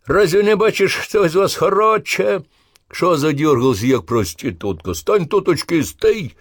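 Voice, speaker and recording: A man's voice: on the high side, expressive, unhurried, dry recording, studio quality, voice pushed up. A man voicing coarse, jeering army sergeants with a Ukrainian-tinged Russian accent, taunting recruits sarcastically.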